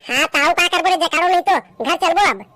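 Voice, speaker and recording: A woman's voice: very high voice, fairly bright tone, no echo. A woman voicing a lazy young village man from a comic skit, grumbling and making excuses in a Chhattisgarhi accent. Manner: whiny, grumbling, quick to complain.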